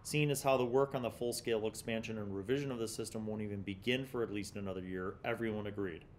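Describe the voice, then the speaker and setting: In a small studio lined with shelves, a middle-aged man hosting a gaming magazine review series reads article passages aloud and comments casually and thoughtfully. His lowish voice is a little mellow with fairly even intonation, and he talks fast. A desk condenser mic in front of him catches slight background noise.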